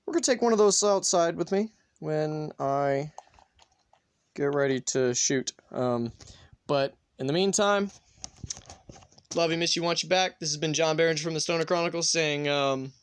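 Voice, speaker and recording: A man's voice: on the high side, normal speed, clear, resonant tone. A man vlogging casually at home, rambling in an offhand way and swearing freely. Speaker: gun vlogger. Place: indoors at home, near a bed.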